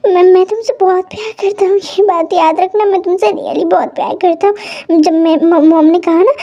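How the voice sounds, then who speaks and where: A jealous, possessive young husband, as a woman puts him on for a fan-fiction story, stammering between orders and pleas. The voice sits very high even when pushed lower, and its tone is dark and mellow. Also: moderate pace. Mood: tearful, pleading. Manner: stammering, pleading and commanding. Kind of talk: Hindi fan-fiction voice acting.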